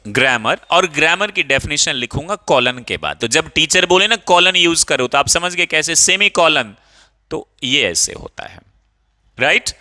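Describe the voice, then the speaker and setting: A young male English teacher with a slightly high, very bright and sharp voice runs a grammar lesson. He draws out each example sentence slowly and keeps checking that his students are following along. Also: expressive. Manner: explains slowly, reads example sentences aloud in drawn-out English; checks understanding often, calls students 'babu'.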